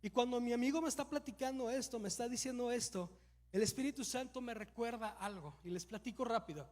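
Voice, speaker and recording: High-voiced Mexican pastor preaching. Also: male voice, fast talker, a little mellow. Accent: Mexican Spanish. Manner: storytelling, emotional and earnest. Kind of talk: sermon. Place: church. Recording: long church reverb.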